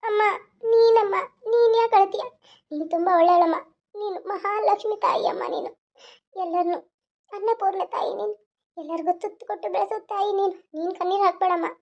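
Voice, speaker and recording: A woman's voice: very high-pitched, fairly even intonation, brisk, darkish tone. A woman voicing a grieving young woman in a cartoon, tearful and pleading. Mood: despairing. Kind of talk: cartoon voice acting. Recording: dull lo-fi recording.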